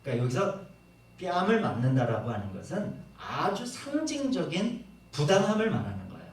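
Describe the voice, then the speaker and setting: A man's voice: a little high, huge pitch swings, moderate pace. A middle-aged man preaching a sermon as pastor, talking conversationally and acting out short quoted lines. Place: church sanctuary. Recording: echoey church room, voice from far off the mic.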